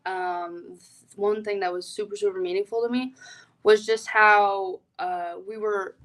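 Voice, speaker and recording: A woman's voice: mid-range voice, rough recording. Young woman youth delegate, casual and filler-heavy, video call. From east coast of Canada. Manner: casual, many fillers and restarts. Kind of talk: online presentation.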